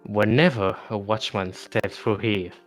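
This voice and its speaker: A man's voice: fairly low pitch, steady tone, unhurried, faint music behind, natural voice. A man playing a curt raccoon dog healer. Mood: dismissive. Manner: curt, cold and formal. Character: aloof male raccoon dog healer, dismissive.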